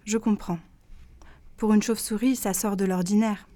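A woman voicing a gentle old grandmother who loves the night, in a soft, reassuring storybook reading. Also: mid-range voice, steady tone, moderate pace, natural voice. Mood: tender.

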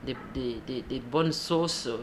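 With an extremely low pitch and a slow delivery, a shop manager from Ivory Coast in her thirties answers radio interview questions hesitantly, often laughing and using fillers. A little hiss or hum sits under the recording.

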